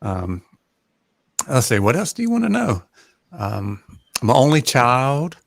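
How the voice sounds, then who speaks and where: A man in his 40s from North Carolina, a high school math teacher, chats casually as a guest on a livestream. His medium-pitched voice is soothing and gravelly, and he's relaxed but hesitant, pausing often with many fillers. He uses a home podcast mic with no echo.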